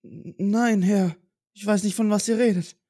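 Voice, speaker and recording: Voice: medium pitch, steady tone, normal speed, warm tone, husky, pitched above the performer's own voice, close to an everyday voice. A man voicing a timid, startled young beggar woman who stammers. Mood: bewildered. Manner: flustered, stammering.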